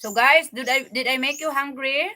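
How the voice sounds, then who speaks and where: A woman's voice: sits high, normal speed, bright, forceful tone. A woman with a Filipino accent, chatting with viewers during a casual livestream as she eats, laughing often. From Philippines. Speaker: livestream host. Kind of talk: casual livestream chat while eating. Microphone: computer webcam mic.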